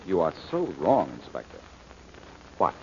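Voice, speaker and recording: In a muffled old-time radio recording with faint noise, a man with a low voice plays a cocky, wisecracking amateur sleuth in 1940s style. His pitch swoops wildly while his pace stays unhurried, and the heavily acted delivery is glib and teasing, cool and quick-witted.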